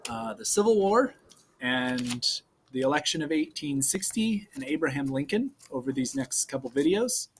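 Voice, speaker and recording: A man's voice: mid-range voice, fairly bright tone. A man in his thirties giving a casual history video lesson, joking and cracking corny puns. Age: 30s. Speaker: social studies teacher.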